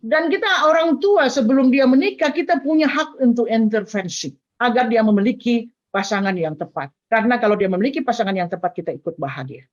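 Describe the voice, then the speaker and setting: A woman's voice: on the high side, lively intonation, a little fast. An older grandmother giving an earnest, advising talk on family life, with frequent fillers. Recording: dull lo-fi sound.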